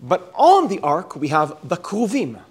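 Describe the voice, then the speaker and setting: Husky-voiced Israeli man teaching Bible. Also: high voice, huge pitch swings, measured pace. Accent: Israeli, sounding American. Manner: thinks aloud, restarts words, mixes in Hebrew terms. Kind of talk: lecture.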